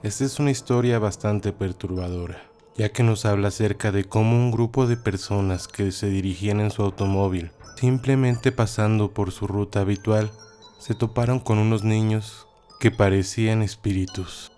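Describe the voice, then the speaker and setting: A male podcast host with a low, dark voice reads scripted links between stories in a measured announcer manner. Soft music plays faintly underneath him. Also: fairly even intonation. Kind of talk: scripted narration.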